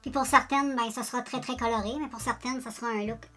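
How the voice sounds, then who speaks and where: A beauty vlogger with a Quebec French accent chats casually through a makeup tutorial over music, rambling and joking at her own expense as she talks straight to her viewers. Her voice is fairly high, her intonation fairly even, and she speaks fast.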